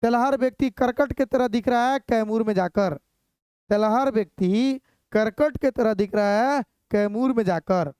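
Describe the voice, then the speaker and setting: A high-voiced woman runs an exam-prep lesson at an unhurried pace, drilling each term by saying it several times. Her voice is smooth and close, recorded dry with no room sound. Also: warm tone, no echo. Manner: drills terms by repeating them over and over. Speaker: exam coaching teacher. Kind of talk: slow repetitive exam-prep lesson with memory tricks.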